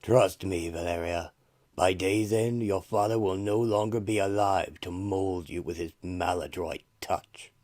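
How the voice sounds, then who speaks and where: A man voicing an imperious armored villain sorcerer in a comic-book radio play, slow, pompous and eldritch, with breathy menace. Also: sits low, a little mellow, no echo, studio quality. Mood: cold menace.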